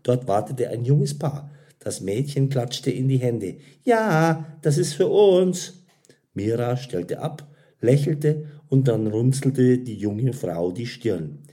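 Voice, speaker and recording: A man reading a story aloud as narrator, expressive and unhurried. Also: mid-range voice. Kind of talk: audiobook narration.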